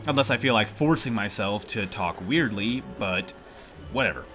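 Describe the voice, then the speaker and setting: At a moderate pace, a man with a fairly low, animated voice commentates casually on his own gaming. Congested from allergies, he sounds nasal as he thinks aloud and grumbles, with game music playing behind his voice.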